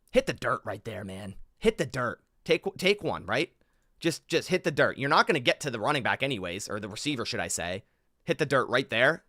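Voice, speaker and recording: A man commenting over football game film in an animated, exasperated way, thinking aloud as he goes. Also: medium pitch, no echo, clean studio sound.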